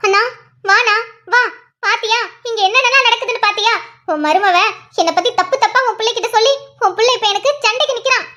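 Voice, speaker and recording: A woman's voice: very high-pitched, pushed and bright. A woman voicing a sly, defensive, scheming aunt in a family cartoon. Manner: sly, self-pitying, quick. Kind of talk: cartoon voice acting.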